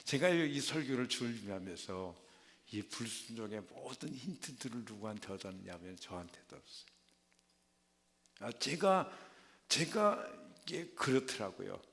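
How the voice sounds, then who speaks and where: A man's bright, ringing voice delivers a dramatic sermon, rising and falling as he acts out the voices he quotes. He keeps asking the congregation questions. The sound carries a long church reverb. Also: big pitch swings, a little slow, creaky. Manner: dramatic, acts out quoted voices with big swings in pitch and loudness; asks the congregation rhetorical questions. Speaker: pastor. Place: large church sanctuary.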